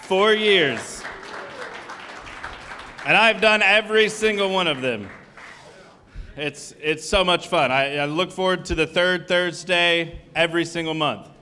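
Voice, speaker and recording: A man's voice: high-pitched, measured pace, long pauses, bright, forceful tone. Upbeat, joking man emceeing a live crowd. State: a little out of breath. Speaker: event host. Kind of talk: live stand-up style emceeing. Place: event stage before a live audience.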